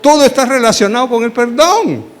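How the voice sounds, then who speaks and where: Animated preacher man. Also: very high-pitched, brisk. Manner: animated, asks the congregation questions, acts out dialogue. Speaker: pastor. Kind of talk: Bible study sermon.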